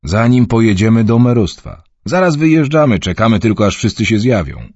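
An offhand young man brushes off a question, as a male narrator voices him. His voice is husky. The recording sounds dull and muffled. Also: lowish voice, sing-song, brisk, darkish tone, no echo, pitched above the performer's own voice.

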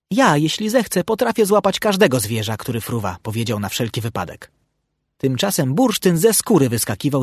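A man narrating a children's audiobook in an expressive, storytelling manner, recorded close on a studio mic. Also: mid-range voice, husky, no room sound.

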